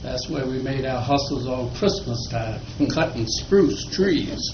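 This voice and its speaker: An older man from Virginia, interviewed for an oral history, chuckles as he slowly reminisces in folksy stories about his childhood. His mid-range voice is expressive and a little slow. The audio is dull and lo-fi, with echo and faint noise.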